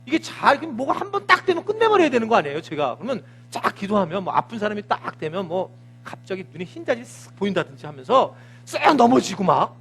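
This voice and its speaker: Animated gravelly pastor preaching. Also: male voice, high voice, quick pace. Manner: animated storytelling, acting out scenes. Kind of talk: sermon.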